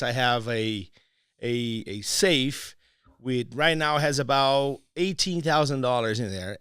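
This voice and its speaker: A Brazilian-accented man speaks as a guest on a casual podcast. His voice sits at an ordinary middle pitch. He moves between playful teasing and earnest pitching. The sound is dry and close. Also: fairly bright tone, clear, resonant tone, no room sound. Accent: Brazilian Portuguese. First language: Portuguese.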